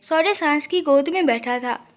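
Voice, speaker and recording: A woman reading a romantic audio story aloud as the narrator, in a soft, expressive way. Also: sits high, normal speed.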